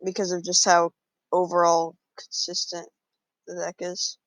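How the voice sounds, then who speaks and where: A man with a high-sitting, monotone, fairly bright voice talks casually through his moves in a card game, speaking a little slowly. He thinks aloud with frequent fillers, and there's no room sound.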